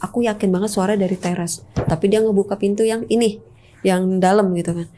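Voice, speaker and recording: Animated woman with a lilt. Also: medium pitch, fairly quick, slight background noise. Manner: animated, acts out scenes, drops into whispers for quoted voices. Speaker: guest telling her own ghost story. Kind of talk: casual spoken storytelling.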